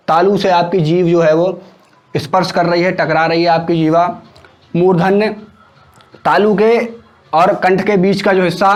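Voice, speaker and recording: A man teaching an exam-prep grammar lesson. He explains step by step and repeats each syllable aloud for students to copy. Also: high-pitched.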